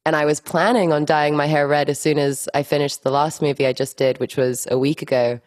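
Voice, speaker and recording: A young woman, an actress, with a mixed mostly English accent with a slight Spanish lilt, chatting brightly and gratefully in an interview. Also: low-pitched, fairly even intonation. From born in Miami, raised abroad. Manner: bubbly, grateful, quick to laugh. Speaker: actress guest. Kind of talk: casual interview chat.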